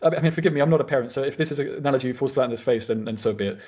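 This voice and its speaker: British guy in a debate, talks quick, keeps restarting himself. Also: medium pitch, a little mellow. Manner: fast and earnest, with frequent restarts. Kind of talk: debate argument.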